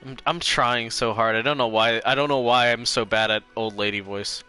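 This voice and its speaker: A man's voice: mid-range voice, steady tone, moderate pace, sharp tone, clean tone, faint music behind. A man streaming a game, thinking aloud in a casual, self-deprecating way. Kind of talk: casual gameplay commentary.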